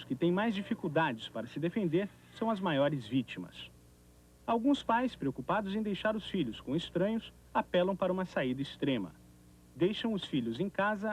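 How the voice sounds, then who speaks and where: A man narrating a scripted TV news report as a correspondent, in a measured newsreader delivery, heard from an old VHS tape. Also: sits high. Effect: old VHS tape recording with hiss.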